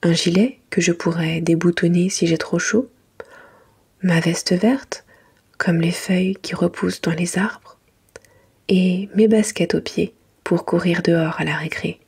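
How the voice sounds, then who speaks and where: A woman reading a children's storybook in a soft, breathy library whisper, gently and without hurry, in an ASMR style. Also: fairly low pitch, steady tone, unhurried.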